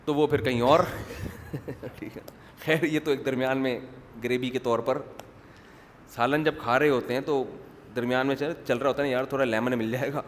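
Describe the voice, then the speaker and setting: A man's voice: mid-range voice, fairly even intonation, pauses often. A man preaching in a humorous religious lecture, wandering off the topic and acting out quotes. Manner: digressive, joking, acts out quotes. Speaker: Islamic preacher. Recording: reverberant hall, faint background noise.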